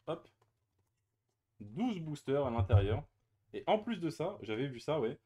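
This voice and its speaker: Mellow-voiced French-speaking man opening cards. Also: medium pitch. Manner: chatty, hesitant, many fillers and restarts. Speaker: card-opening YouTuber. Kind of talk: casual unboxing commentary.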